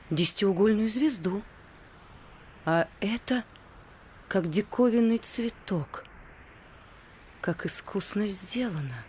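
A woman voicing a young boy in a radio play, quick and exclamatory, turning cold and sneering. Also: high-pitched, slight background noise. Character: boy Kai, lively then cold and sneering.

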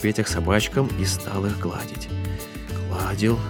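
A man narrating a children's story with an expressive, lilting read-aloud delivery. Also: lowish voice, measured pace, music in the background.

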